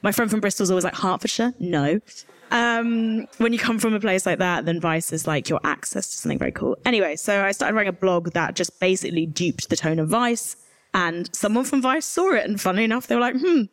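Her mid-range voice runs a little fast as this young panel guest, a journalist from rural Herefordshire, England, gives candid, informal answers at a live event. She speaks modern British Received Pronunciation, punctuates her answers with emphatic asides, and the recording has no echo.

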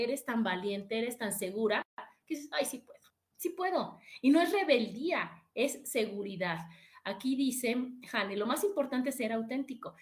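A middle-aged woman with a Mexican accent, hosting a casual motivational live stream, chatting directly with her viewers and reading out their comments. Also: high voice.

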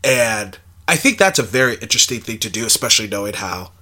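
Bright-voiced young man rambling casually. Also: on the low side, expressive, fast talker. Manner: rambling, filler-heavy, thinking aloud. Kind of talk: casual film discussion.

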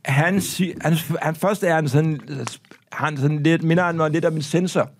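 A man's voice: on the high side, steady tone, a little hiss or hum. A man co-hosting a comedy podcast, telling a rambling story full of hesitations and acted-out voices. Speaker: podcast co-host.

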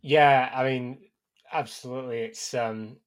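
Casual male podcast co-host, medium pitch. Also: steady tone, measured pace, smooth. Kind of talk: casual conversational chat.

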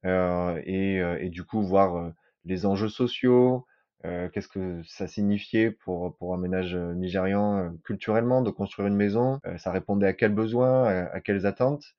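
A man in his thirties from southern France, talking about his experience as a podcast guest in a halting way, often restarting and repeating words. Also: sits low, steady tone, muffled recording. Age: 30s. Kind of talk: personal testimony podcast.

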